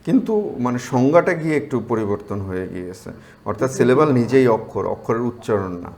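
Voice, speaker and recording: A man's voice: mid-range voice, big pitch swings, fast, a little mellow, a little hiss or hum. A man with a Bangladeshi Bengali accent, teaching an exam-prep English class, explaining patiently and checking in with his learners.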